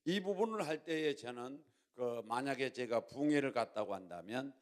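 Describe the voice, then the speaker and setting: A man's voice: medium pitch, expressive, normal speed. A middle-aged male pastor from Jeolla preaching a sermon, stressing key phrases by repeating them and having the congregation say them back. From Jeolla, Korea. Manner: emphatic, repeats key phrases, leads congregation in call-and-response.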